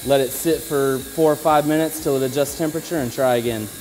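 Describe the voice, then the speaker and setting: A man talks in a relaxed, practical way while he works on an indoor floor, explaining each move as he goes. His voice sits at an ordinary pitch, and the faint hum of a power tool stays in the background. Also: fairly quick, low-quality recording. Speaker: flooring installer. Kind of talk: casual on-the-job demonstration.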